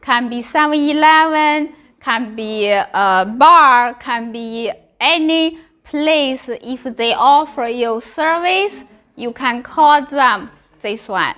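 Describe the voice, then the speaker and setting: Female language teacher, Chinese accent, high-pitched and unhurried, short simple phrases, classroom delivery. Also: fairly bright tone. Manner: simple choppy English with frequent check-ins like "okay" and "yeah". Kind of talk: classroom Chinese lesson with repeated example words.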